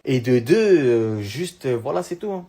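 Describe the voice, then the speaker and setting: A man's voice: medium pitch, lively intonation, unhurried, dark tone. A young man talking casually into his vlog, slangy and rambling as he vents. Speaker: vlogger.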